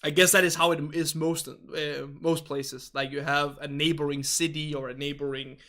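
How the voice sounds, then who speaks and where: He speaks at a moderate pace in a slightly high, sharp-toned voice that barely moves in pitch. A native Danish speaker from northern Denmark with a matching accent, he hosts an easygoing English livestream, reading viewer chat, rambling on, searching for words, and laughing frequently.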